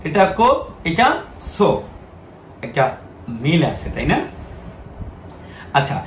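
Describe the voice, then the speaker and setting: A man's voice: fairly high pitch, very animated, takes it slowly, reverberant, a little hiss or hum. A man teaching a language lesson, patiently reading syllables aloud one by one in drills.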